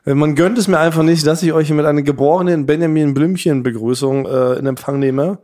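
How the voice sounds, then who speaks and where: A male podcast host talks at a rapid clip in a slightly raised voice. He teases his co-hosts and cuts them off in casual banter. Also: on the high side, fairly even intonation, mellow. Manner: fast, teasing, bossy interruptions.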